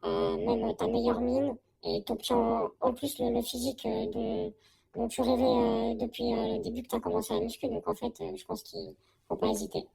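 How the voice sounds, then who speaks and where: A woman's voice: a little high, wildly swooping pitch, normal speed, creaky, a loud crowd, rough recording. A young woman giving a casual, slangy testimonial in an informal conversation. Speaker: coaching client giving a testimonial.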